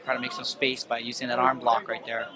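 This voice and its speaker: A man's voice: mid-range voice, completely flat delivery, fast. A man working as color commentator, giving conversational analysis of a live fight. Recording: loud crowd and arena noise behind. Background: loud fight crowd.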